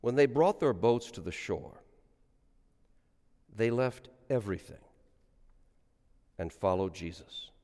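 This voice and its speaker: In a big church with a long, cathedral-like echo, a middle-aged priest reads the gospel and delivers a homily. His voice sits on the low side and he goes slowly with frequent pauses, yet his sing-song delivery stays lively and lifts on quotes.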